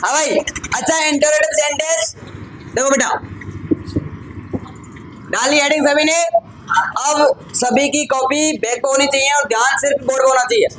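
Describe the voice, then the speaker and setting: A man's voice: extremely high pitch, fairly even intonation, normal speed, long pauses, a crowd in the background, low-quality recording. A man teaching a grammar lesson to a class, calling the students brother and son and checking often that they follow. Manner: addresses students as "bhai" and "beta", asks frequent check questions.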